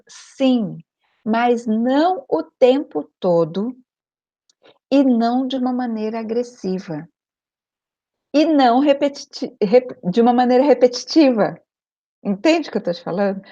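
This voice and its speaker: Brief: middle-aged woman, parenting coach, fairly high voice, insistent and repetitive, dull lo-fi recording. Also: warm tone. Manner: emphatic, repeats key points, checks in with the listener. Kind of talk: advice video monologue.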